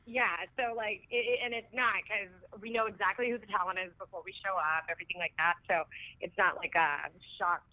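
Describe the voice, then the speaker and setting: A woman's voice: mid-range voice, steady tone, brisk, sharp tone. A woman guest calling in by phone, chatting frankly and laughing easily. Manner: frank, laughing, filler-heavy. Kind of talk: casual chat. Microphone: phone line. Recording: phone line.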